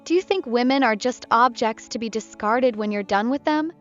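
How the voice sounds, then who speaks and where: A woman's voice: on the high side, normal speed, natural voice. A woman voicing a talkative, heartbroken young woman camper who is tipsy and bitter. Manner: bright, chatty, bitter. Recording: muffled with soft music behind.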